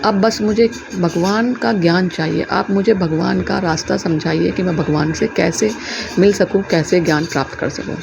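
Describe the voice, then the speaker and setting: A woman's voice: on the low side, normal speed. A woman telling a devotional story, voicing a proud, learned male priest who is boastful yet earnest. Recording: muffled lo-fi with clear background noise.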